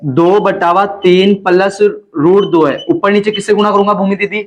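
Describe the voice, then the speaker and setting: A man's voice: sits high, steady tone, moderate pace. A young man teaching a maths class and joking with his students. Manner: teasing and chatty with students. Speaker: maths tutor. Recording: dull lo-fi classroom audio.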